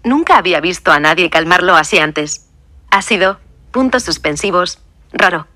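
A woman's voice: fairly low pitch, animated, moderate pace, sharp tone, no echo. Woman narrating a first-person audiobook. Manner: reads punctuation aloud.

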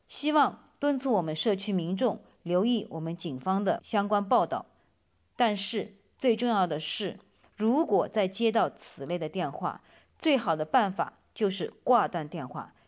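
A woman giving a semi-scripted public safety announcement as a police community liaison officer, measured, instructive and emphatic. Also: medium pitch, a little mellow. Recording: dull, band-limited lo-fi voice recording.

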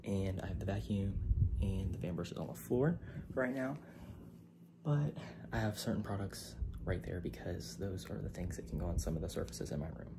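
A man's voice: low voice, normal speed, gravelly, noisy background. A young man talking casually in a home cleaning vlog, chatty and full of "like" fillers, filmed on a phone in his bedroom. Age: young adult. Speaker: vlogger. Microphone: phone camera, moving around the room.

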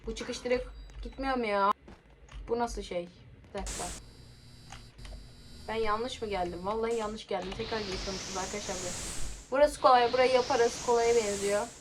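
A woman giving excitable commentary on her Roblox game, chanting commands and shrieking when scared. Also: fairly high pitch, moderate pace, pauses often, noisy background. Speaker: gaming YouTuber. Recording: game music behind the voice. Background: game music and keyboard typing.

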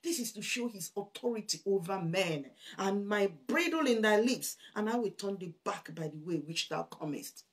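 A woman's voice: medium pitch, lively intonation, normal speed, few pauses. Fervent woman preaching a sermon. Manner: fervent, repeats phrases, swells loud on scripture, drops soft on asides; addresses listeners as brethren. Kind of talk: sermon with scripture reading.

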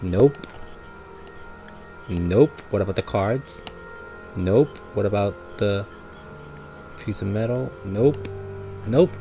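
A man's voice: fairly low pitch, slow pace, long pauses, warm tone, faint music behind. A man commenting on his gameplay, thinking aloud in a hesitant way with frequent fillers and restarts. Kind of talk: thinking aloud while playing.

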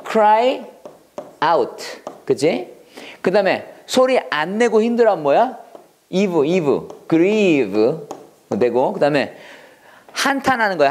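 A man in his fifties teaching English vocabulary in Korean, repeating each word and bursting into acted wailing and sighing to make it stick. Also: fairly high pitch. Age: 50s. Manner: acts out wailing and sighing in sudden dramatic bursts; repeats words over and over with wordplay mnemonics. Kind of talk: animated Korean vocabulary lecture.

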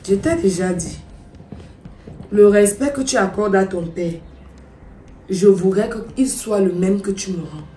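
A woman playing a stepmother in a comedy web series, scolding in a formal, measured way. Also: mid-range voice, dark tone, reverberant, far from the mic.

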